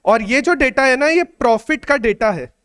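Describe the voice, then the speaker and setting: High, clear-voiced male teacher. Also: lively intonation, fairly bright tone. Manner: conversational, repeats phrases, checks in often; dictates numbers slowly, trailing off. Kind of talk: classroom lecture.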